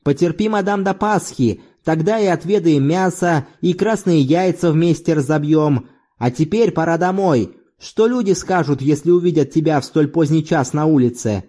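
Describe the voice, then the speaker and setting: A man doing a boisterous hearty man, raised pitch. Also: moderate pace, close to an everyday voice. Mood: teasing. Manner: loud, theatrical, mock-chanting like church singing. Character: exuberant boisterous middle-aged man, hearty and playful. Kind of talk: audiobook character voice.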